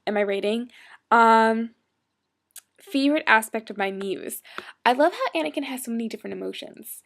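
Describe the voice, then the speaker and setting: A woman's voice: on the high side, animated, moderate pace, vocal fry, a bit bright. A woman in her twenties chatting casually in a webcam vlog, talking in a hyper, bubbly way and dropping into whispered asides. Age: 20s. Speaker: role-play blogger.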